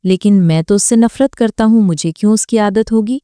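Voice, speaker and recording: A woman voicing a proud, brooding young man who is the hero of a romance audiobook, speaking stern and then tender, without lowering her own voice. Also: warm tone, clean tone, no echo, clean studio sound, close to an everyday voice.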